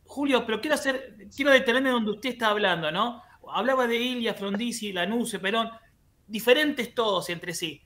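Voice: mid-range voice, moderate pace, a bit bright. A radio co-host interjecting politely to push back during an interview.

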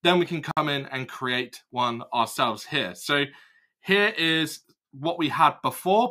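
A young man casually walking through a software demo, explaining each step as he clicks. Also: mid-range voice. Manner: casual, explanatory, thinks aloud while clicking. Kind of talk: screen-recorded product walkthrough.

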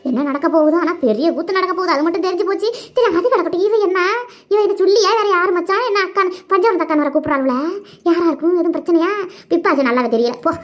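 A sharp-tongued cartoon woman, voiced by a woman. She complains in a high voice and talks fast. The audio sounds dull and lo-fi. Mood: curious. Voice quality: quick, scolding chatter. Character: grumbling village woman, the older sister figure. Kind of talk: animated cartoon voice acting.

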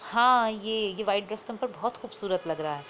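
A woman's voice: medium pitch, lively intonation, normal speed, sharp tone, highs cut off, slight background noise. A woman voicing a young husband who speaks in an offhand, mocking way. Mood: teasing. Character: teasing, careless young husband.

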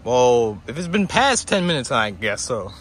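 Bright, lively man with morning voice. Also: mid-range voice, moderate pace, slight background noise. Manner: bantering, grumbling, joking. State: rough morning voice. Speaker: vlogger. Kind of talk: casual outdoor vlog chat. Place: outdoors near woods.

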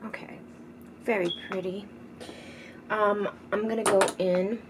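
A middle-aged woman chatting casually at home while doing her makeup, rambling and often sinking to a soft murmur. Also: mid-range voice, little pitch movement, a little slow. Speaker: beauty vlogger. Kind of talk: casual makeup tutorial chat. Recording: noticeable background noise. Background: teenager gaming loudly in the background.

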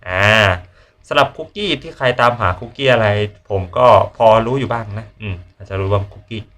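A man chatting casually while live-streaming a game, politely greeting viewers and blurting quick repeated exclamations as he plays. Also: lowish voice, a bit bright. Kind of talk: casual live gameplay chat.

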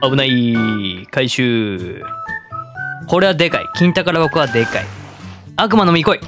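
A man with a Kansai accent giving excitable let's-play commentary, talking to himself with sudden exclamations. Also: medium pitch, measured pace, over music. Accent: Kansai Japanese. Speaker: gaming channel host.

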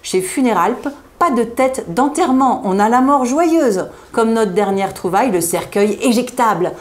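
Lady putting on a jolly chubby undertaker guy, loud salesman chatter, higher than her usual. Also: lively intonation, measured pace. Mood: enthusiastic. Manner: cheery, booming salesman patter.

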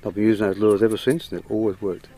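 A man's voice: on the low side, little pitch movement, fast talker, mellow, a little hiss or hum. An older Australian man guiding visitors and explaining things casually on location. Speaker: fishing and tour guide. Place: outdoors on a boat and among sandstone caves.

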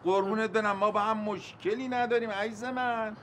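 A middle-aged actor playing a pushy, sweet-talking landlord in a TV drama. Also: male voice, high-pitched, fairly even intonation, a bit bright. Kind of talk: TV drama acting. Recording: noisy background.

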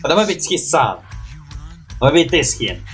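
The voice is a young man's, fairly high and sing-song, moving a little slowly over faint background music. He hosts a reaction video from a small home room, casually reacting to animations in hesitant, rambling non-native English and swearing mildly by habit.

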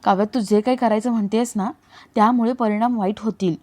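A woman reading a young man's lines in a serial recap, earnest and urging calm. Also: on the high side, a little fast, natural voice. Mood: stern. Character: young man pleading, then coldly denying love. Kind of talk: dramatic read-aloud of serial dialogue.

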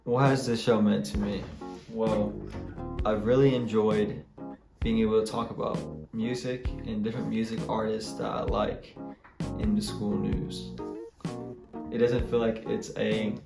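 A man's voice: on the low side, level tone, measured pace, vocal fry, reverberant, over music. A young man, a student show host, talking casually to camera in a small studio room. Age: teens to young adult.

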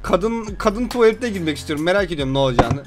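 A young man commentating a game he is playing, excitable, joking and yelling at what happens on screen. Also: high voice, quick pace, over loud music. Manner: excitable, yells and jokes at the game. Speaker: gameplay commentator. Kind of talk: gameplay commentary.

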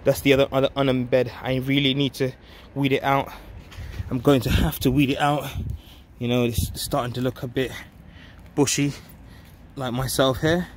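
A man in his thirties, a vlog host and allotment gardener, gives viewers a casual, enthusiastic update outdoors on his allotment, speaking emphatically into a handheld phone held close. His voice is medium-pitched and level, at a moderate pace with long pauses. Outdoor ambience and traffic noise can be heard behind him.

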